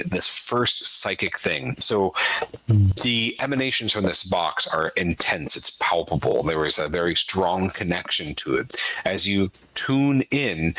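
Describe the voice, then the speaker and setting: Bright, forceful man running a tabletop game. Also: low-pitched, no echo, rough recording. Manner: descriptive, explanatory. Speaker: game master. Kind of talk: improvised narration of a tabletop game.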